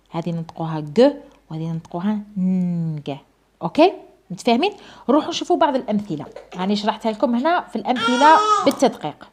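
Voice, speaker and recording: Algerian woman teaching English sounds. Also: mid-range voice. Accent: Algerian Arabic. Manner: slow drawn-out model pronunciations, coaxing "listen to me". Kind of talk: classroom lesson explaining sounds.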